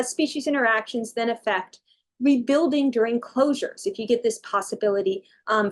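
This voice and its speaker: A middle-aged woman giving an academic research talk, explaining step by step with fillers and self-corrections. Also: fairly high pitch. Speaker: university researcher giving a lecture.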